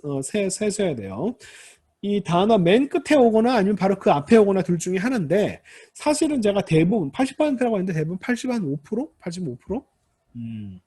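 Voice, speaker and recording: A man's voice: high-pitched, warm tone, slightly rough. A man teaching a recorded Hebrew lesson, explaining step by step, addressing students politely, and demonstrating word stress aloud. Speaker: Hebrew instructor. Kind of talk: recorded lecture.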